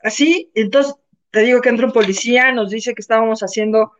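A Mexican woman tells a story on a casual live show, bringing the people in it to life as she talks. Her voice sits high, and the recording sounds dull and lo-fi. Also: fast. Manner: animated, acts out voices in her anecdotes. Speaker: co-host. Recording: muffled lo-fi sound.

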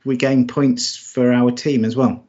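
A man's voice: medium pitch, level tone, measured pace, dark tone. A middle-aged man co-hosting a podcast, chatting in a friendly way and calling people mate. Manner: friendly, says "mate" a lot. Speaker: podcast co-host. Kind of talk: casual chat. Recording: dull lo-fi sound.

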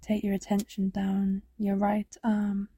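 A woman guiding a body scan meditation, speaking softly and soothingly, often slipping into a whisper. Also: mid-range voice, monotone, husky, no echo. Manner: slow, soft, soothing, drifting into whispers. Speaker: meditation guide.

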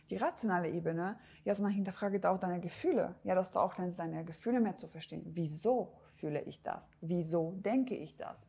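A woman's voice: lowish voice, creaky, dark tone, breathy edge. A woman hosting a self-help podcast, speaking directly to the listener in a coaching tone with frequent hesitations. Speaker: podcast host. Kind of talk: motivational self-help talk.

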